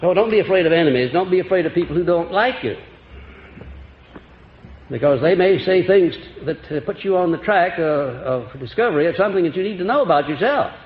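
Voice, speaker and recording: A man's voice: high-pitched, animated, fairly quick. A man giving a folksy motivational seminar lecture on an old archival recording, chuckling and quizzing his audience. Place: lecture hall before a live audience. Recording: echoey, dull old lecture-hall tape with faint hiss.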